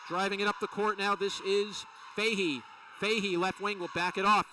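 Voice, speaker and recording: Excited high-voiced play-by-play man. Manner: rapid, excited calls of each play. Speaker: play-by-play announcer. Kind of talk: live basketball play-by-play. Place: college gym. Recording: distant mic with faint gym noise.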